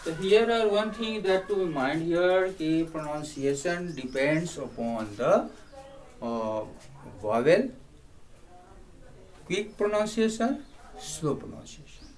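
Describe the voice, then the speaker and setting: Very slow Indian man teaching spelling. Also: a little high, expressive. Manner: switches between Hindi and English, repeats words to drill sounds. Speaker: English teacher. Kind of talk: spelling lesson. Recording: distant mic, faint background noise.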